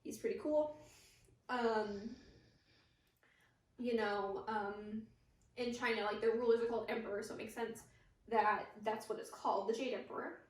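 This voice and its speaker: A woman's voice: on the high side, fairly even intonation, moderate pace, pauses often. A young woman with a Midwestern accent giving a casual class presentation, chatty and hesitant, with many fillers and self-deprecating asides. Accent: Midwestern American. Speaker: student presenter. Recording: echoey room, mic far off.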